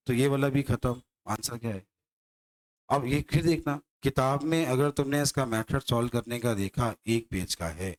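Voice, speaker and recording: A male maths teacher lecturing a class, teasing his students and firing rhetorical questions at them. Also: medium pitch.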